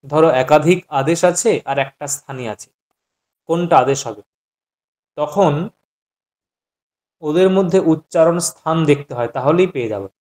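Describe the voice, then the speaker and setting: A man's voice: on the high side, normal speed, long pauses, darkish tone. A man teaching Sanskrit grammar in an online class, patiently quizzing his students and repeating each point.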